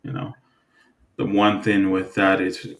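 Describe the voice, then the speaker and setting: A man from the Dominican Republic co-hosting a podcast, talking in a relaxed, halting way with many fillers and restarts. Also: sits low. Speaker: podcast co-host. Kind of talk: casual chat.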